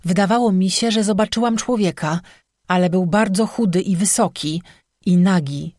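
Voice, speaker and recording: A man voicing a frightened, quick-tempered young woman in an audiobook, speaking breathlessly and indignantly. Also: medium pitch, a little mellow, no room sound, clean studio sound, natural voice. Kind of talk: audiobook character voice.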